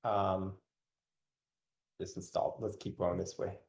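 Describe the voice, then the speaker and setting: A man's voice: sits low, level tone, takes it slowly, a little mellow, roomy sound. A man as guest expert explaining technical details casually, hedging with fillers.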